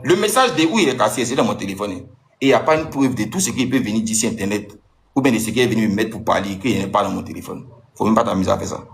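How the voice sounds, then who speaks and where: Fast-talking man, agitated. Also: mid-range voice. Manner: agitated, rapid storytelling with rising outbursts. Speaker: social media personality. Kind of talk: angry monologue addressed to an ex-partner.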